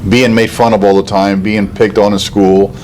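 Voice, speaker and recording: A man's voice: on the low side, little pitch movement, a little mellow, a little hiss or hum. A man in his sixties from Cuba, a political candidate answering interview questions earnestly, with frequent ums and uhs. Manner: earnest, talks fast in long runs with frequent um and uh.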